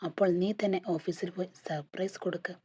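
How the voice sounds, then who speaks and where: A woman voicing a frank, protective female friend in a husky, breathy voice. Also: lowish voice, fairly even intonation, normal speed, darkish tone. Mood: blunt, frank. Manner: blunt, frank. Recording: dull lo-fi recording.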